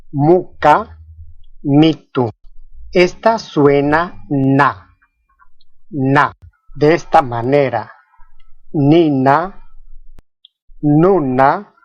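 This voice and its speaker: Very slow, careful language-lesson voice. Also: medium pitch, no room sound, muffled recording. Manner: careful, spells out sounds and repeats each example word. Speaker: language teacher. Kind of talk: scripted pronunciation lesson.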